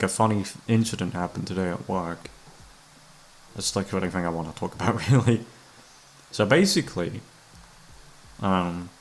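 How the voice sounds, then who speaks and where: Low-pitched and gravelly, this young man talks to his channel's audience in a rambling, hesitant way, swearing and poking fun at himself. He's a voice actor and creator; soft music plays behind him, and there's a little hiss or hum.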